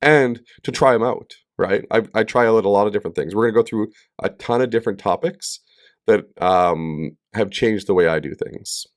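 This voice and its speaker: A man co-hosts a casual podcast in a chatty, teasing way, full of "um" and "like." His voice sits fairly low. The sound is dry and close to the mic. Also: normal speed, no echo. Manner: chatty, filler-heavy, teasing. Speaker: podcast co-host.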